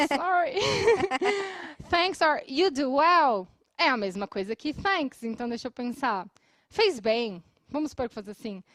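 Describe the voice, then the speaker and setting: Brazilian woman English teacher, high voice, patient classroom explainer, dry close sound. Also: big pitch swings, a bit bright, no room sound. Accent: Brazilian Portuguese. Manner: explanatory, repeats English phrases slowly for students; laughs often between phrases. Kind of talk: televised classroom lesson. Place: studio.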